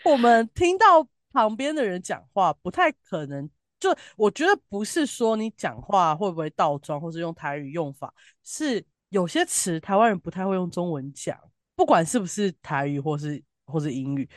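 A woman's voice: on the low side, animated, normal speed, no echo, studio quality. A woman from southern Taiwan with a southern Taiwanese Mandarin accent, chatting casually and bluntly as a co-host with emphatic, colloquial opinions. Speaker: podcast co-host reviewing TV drama.

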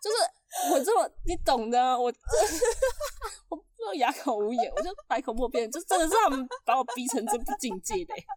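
A woman telling a story in casual chat, animated and laughing often. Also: high voice, fairly quick, no room sound. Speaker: podcast host telling a story.

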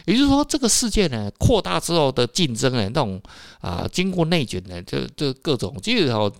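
A man's voice: mid-range voice, big pitch swings, brisk, gravelly, dry recording, clean studio sound. A man with a Taiwanese Mandarin accent, hosting a casual solo talk for listeners, rambling with filler particles and tag questions. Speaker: podcast host.

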